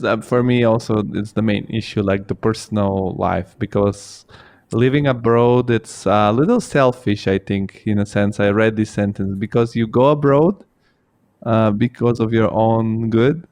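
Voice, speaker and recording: Hosting a relaxed interview, this man speaks haltingly, full of fillers and false starts; he was born in Bulgaria, grew up in Italy, and his first language is Bulgarian or Italian. His fairly low voice is darkish, steady, and unhurried, with no room sound.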